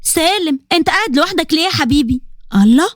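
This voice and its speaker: A woman's voice: high-pitched, animated, fast, dry recording, clean studio sound. A woman voicing a caring middle-aged wife and mother with an Egyptian accent. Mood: coaxing. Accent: Egyptian Arabic. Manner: coaxing, concerned.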